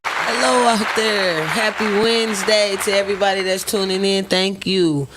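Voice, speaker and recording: A man's voice: high-pitched, fairly even intonation, moderate pace, a loud crowd, very noisy. A man hosting a casual interview in informal, slangy talk. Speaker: interview host.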